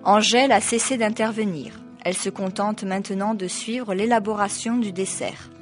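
A woman's voice: mid-range voice, fairly even intonation, moderate pace, soft background music. Woman reading a novel aloud. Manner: hesitant asides with many fillers. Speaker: reader.

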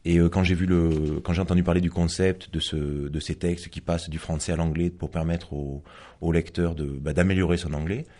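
A man, an author, speaking as a guest in a casual interview in a calm, measured and slightly halting way. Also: extremely low pitch.

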